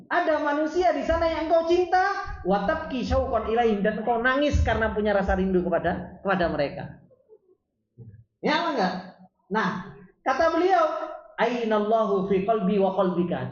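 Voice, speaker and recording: A man teaching an Islamic study circle, reading Arabic lines and then explaining them with lively rhetorical questions to the audience. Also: extremely high pitch. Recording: roomy, dull lo-fi sound.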